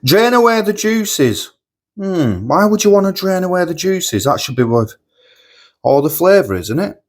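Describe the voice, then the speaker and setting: Speaking a little slowly in a high voice with big pitch swings, a man reviews supermarket food in his home kitchen for a casual vlog. He's sniffling from a coming cold and chats in a rambling, repetitive way.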